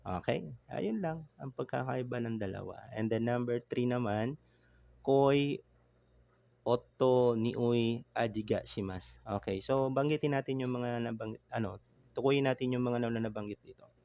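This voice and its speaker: Male tutor, gravelly voice, casual explainer, dry lo-fi recording. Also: mid-range voice, moderate pace, darkish tone, no echo. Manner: chatty, code-switching, frequent "no?" tag checks. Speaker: Japanese language teacher. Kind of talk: casual online lesson explaining grammar.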